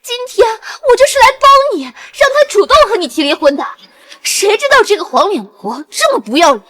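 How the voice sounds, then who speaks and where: An actress playing an arrogant, spiteful young mistress who taunts and shouts. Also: female voice, sing-song, moderate pace. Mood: indignant. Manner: sneering, taunting, shrill. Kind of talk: short drama acting.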